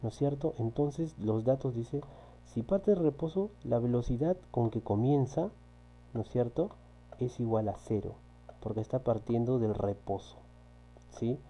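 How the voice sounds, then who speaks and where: A man's voice: medium pitch, unhurried, dark tone, rough recording. A man teaching a physics class, patiently repeating key points and often checking with his students. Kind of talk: recorded online class walking through exercises. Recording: faint electrical hum.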